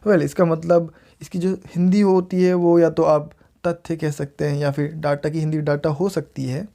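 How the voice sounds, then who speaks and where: A man's voice: a little high, level tone, dark tone. Indian man teaching English pronunciation. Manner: repeats words slowly and clearly for learners. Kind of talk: casual video lesson.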